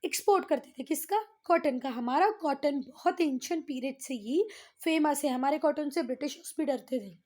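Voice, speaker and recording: A woman's voice: sits high, darkish tone. An Indian woman teaching a history lesson online, moving between Hindi and English and answering her own questions to the students. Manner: reads English lines slowly and deliberately.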